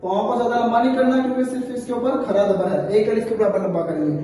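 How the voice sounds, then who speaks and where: High-voiced male teacher in an echoey room. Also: steady tone, dark tone. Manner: explains patiently, then chants the letters in long drawn-out tones. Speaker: Quran reading teacher. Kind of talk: step-by-step recitation lesson. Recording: echoey, distant mic with faint room noise.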